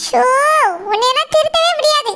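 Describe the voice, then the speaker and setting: A short-tempered young cartoon husband who snaps and scolds, voiced by an actor in a very high register. Quick, dismissive delivery over loud background hiss. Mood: scornful. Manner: curt, scolding. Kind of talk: cartoon voice acting.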